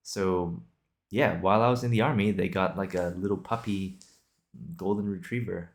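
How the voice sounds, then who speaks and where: Speaking at normal speed, this young solo video podcaster from Singapore and Australia has a deep voice heavy with vocal fry. His casual talk is improvised, so he hesitates, rambles, and loops back to ideas as he thinks aloud to his audience.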